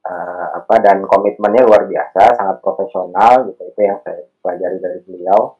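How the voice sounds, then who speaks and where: A man in his thirties, a podcast guest, talking through his family and early career in an unhurried, thoughtful way, with many fillers. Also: low voice, steady tone, mellow, husky, dull audio. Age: 30s. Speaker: podcast guest, alumni candidate. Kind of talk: casual interview chat.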